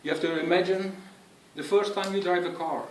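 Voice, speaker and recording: A man giving an earnest, instructive speech on public speaking to an audience, with halting phrasing. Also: high voice, fairly even intonation, distant mic, slight background noise. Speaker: speech giver. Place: room with an audience. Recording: echoey room, picked up from afar.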